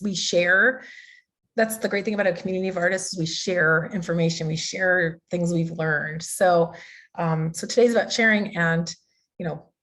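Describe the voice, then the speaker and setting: A woman running a live online art workshop, talking casually and loosely, full of ums and restarts as she walks through the steps. Her pitch sits in a middle range for a woman, and she is heard through a video call mic. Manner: chatty, loose, with many fillers and restarts. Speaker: digital art instructor.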